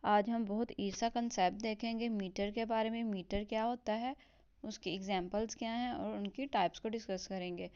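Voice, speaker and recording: A woman explaining a literature lesson, mixing English terms into her Hindi and reading example lines slowly. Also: medium pitch, steady tone, a little mellow, clear, resonant tone, muffled recording. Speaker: teacher.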